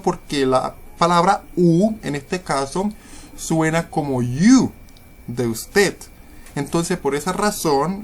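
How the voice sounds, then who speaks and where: A man's voice: on the high side, slight background noise. A man teaching English grammar, explaining patiently with frequent fillers and checks for understanding. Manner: patient, repeats points with many fillers and "¿cierto?" checks.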